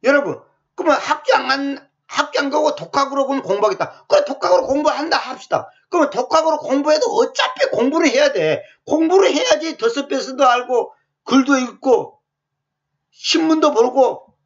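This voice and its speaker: A male pastor delivers a sermon with a gravelly, rough edge and a lively, swooping pitch. He talks in a plain, colloquial way and keeps firing rhetorical questions at the congregation. The recording sounds dull and lo-fi. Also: normal speed. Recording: muffled lo-fi sound.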